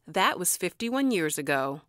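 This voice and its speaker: A woman's voice: lowish voice, big pitch swings, measured pace, a bit bright, no echo, studio quality. A woman reading scripted narration for a television profile. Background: music.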